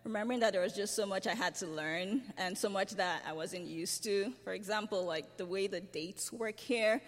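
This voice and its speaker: A woman with a Nigerian accent telling her story of moving countries during a church service, lively and laughing often. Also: medium pitch, moderate pace. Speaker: church member interviewed in a sermon. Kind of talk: personal testimony in a church service. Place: church sanctuary. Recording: church hall reverb.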